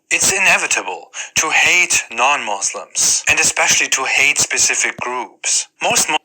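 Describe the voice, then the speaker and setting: A man who grew up in Germany, speaking in a measured, critical way in a video clip. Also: on the high side, bright, forceful tone, low-quality recording.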